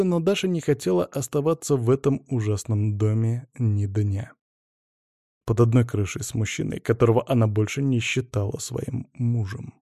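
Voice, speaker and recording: A man narrating a novel in an even, measured reading. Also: medium pitch, no room sound, studio quality. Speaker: audiobook narrator. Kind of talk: scripted narration.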